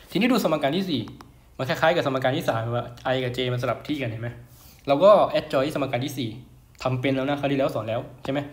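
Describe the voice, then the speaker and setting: A young man teaching physics at a relaxed pace, talking casually and pausing to check that the listener keeps up. His voice sits at an ordinary middle pitch. The recording has a noticeable roomy echo around it. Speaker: physics tutor. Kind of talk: casual lecture over a whiteboard.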